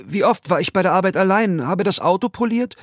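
A man voicing a frightened young laborer in an audiobook, with a high, cracking and slightly hoarse voice. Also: expressive, brisk, no echo, clean studio sound. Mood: panicked. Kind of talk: audiobook reading.

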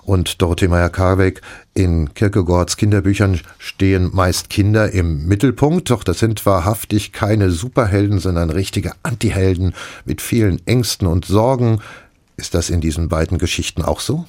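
Radio host guy, deep voice, asking his guest a question. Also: normal speed, a little mellow. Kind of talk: radio interview.

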